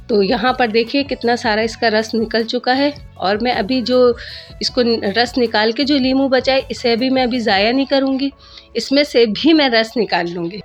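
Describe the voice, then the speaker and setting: A woman narrating her cooking vlog in a chatty voice-over, explaining each step to viewers, her throat a little sore. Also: a little high. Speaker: cooking vlogger. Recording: dull lo-fi voice-over with soft music.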